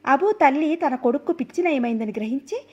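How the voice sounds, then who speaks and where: A woman storyteller reading a folk tale aloud in a steady, expressive storybook manner. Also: sits high, brisk, highs cut off.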